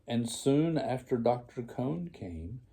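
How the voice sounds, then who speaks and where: An older man, a grandfather, reading a children's storybook aloud in a slow, deliberate, gravelly old man's voice. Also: medium pitch, big pitch swings, warm tone.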